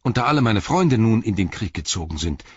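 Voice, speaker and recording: A man's voice: fairly low pitch, big pitch swings, a little fast, a little mellow, husky, no echo, pitched above the performer's own voice, exaggerated voice. A man reading the lines of a small, loyal young hobbit who pleads and stammers, in a dull lo-fi audiobook recording. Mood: pleading.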